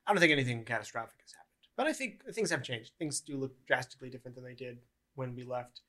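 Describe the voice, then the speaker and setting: A man's voice: medium pitch, lively intonation, fast, a bit bright. A man of twenty-one hosting a casual podcast chat, rambling with many fillers and restarts. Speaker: podcast host.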